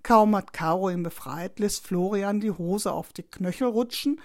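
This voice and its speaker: A woman narrating a children's story aloud in a lively, expressive way. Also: mid-range voice, normal speed.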